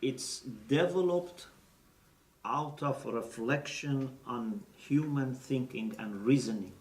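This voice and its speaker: In a lecture room, a man gives a teaching lecture, explaining step by step and checking in with his listeners. His medium-pitched voice moves slowly, and the distant mic picks up a roomy echo.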